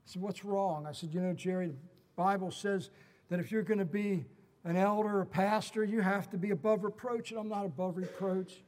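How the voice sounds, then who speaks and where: Earnest preaching male pastor, fairly high. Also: steady tone, fairly quick, a little mellow, long reverb tail. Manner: earnest preaching with emphatic repetition. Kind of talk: sermon.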